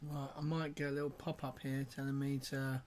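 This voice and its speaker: A woman's voice: a bass voice, flat delivery, fairly quick, a little mellow, slight background noise. A woman giving casual, informal commentary as a livestream host. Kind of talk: casual live stream commentary.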